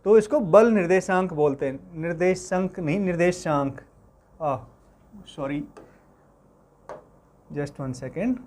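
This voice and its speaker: A man's voice: a little high, lively intonation, takes it slowly, long pauses, a little mellow. A man teaching physics in Hindi to exam students, friendly and reassuring, often checking that they follow along. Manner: friendly, addresses students as beta, asks for confirmation often.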